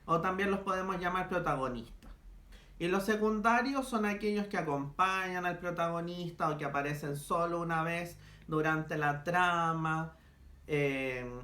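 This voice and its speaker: Casual: guy teaching little kids, slows right down on examples, bright voice. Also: high-pitched. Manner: slow, stretched-out examples for children. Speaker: school language teacher. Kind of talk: recorded class for young pupils. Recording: echoey room.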